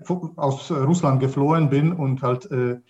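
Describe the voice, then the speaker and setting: Halting man with a Russian accent. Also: medium pitch, darkish tone, muffled recording. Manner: halting, searching for words with repeated starts. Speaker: academic panelist. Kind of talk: spontaneous panel discussion.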